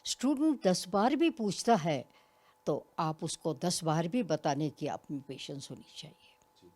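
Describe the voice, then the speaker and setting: Older woman with a lively, low voice. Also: unhurried. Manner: reflective, explains with examples, occasional soft laughs. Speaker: retired college principal, guest. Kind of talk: interview conversation.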